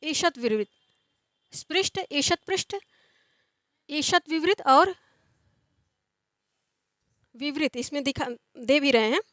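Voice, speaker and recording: A woman's voice: high-pitched, animated, slow, long pauses, a bit bright, dry recording. A young woman teaching Sanskrit grammar in an explanatory lecture, repeating and rephrasing points as she goes. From India. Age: young adult.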